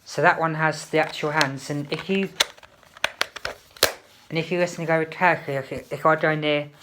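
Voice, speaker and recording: A woman with a low, steady voice at a normal pace casually unboxes and reviews a product, hesitantly demonstrating it step by step. Faint background noise and clicks are audible.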